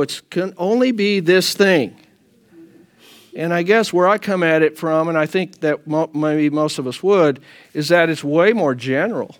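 Male pastor, high-pitched, loose conversational teacher of a Bible class. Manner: animated, chatty, often asks "right?".

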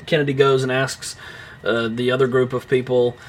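A young man co-hosting a casual film podcast, his speech full of ums, restarts and offhand swearing. His voice sits at an ordinary pitch, with a faint hum of noise behind him. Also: level tone, normal speed. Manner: rambling, many fillers and restarts. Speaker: podcast co-host.

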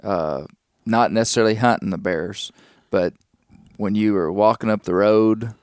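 A man's voice: fairly low pitch, normal speed, darkish tone, no room sound, clean studio sound. A man, chatting casually as an interviewer.

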